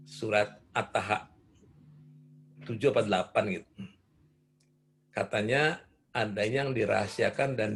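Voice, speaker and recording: Older guy giving a parenting seminar, chatty, keeps asking the audience stuff. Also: on the low side. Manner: asks the audience questions, warm storytelling. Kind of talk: seminar talk answering questions.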